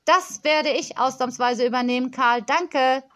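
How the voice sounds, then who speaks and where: A woman's voice: high-pitched, measured pace, a bit bright. Woman doing a snooty bossy rich little girl. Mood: prim. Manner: snooty, demanding, prim.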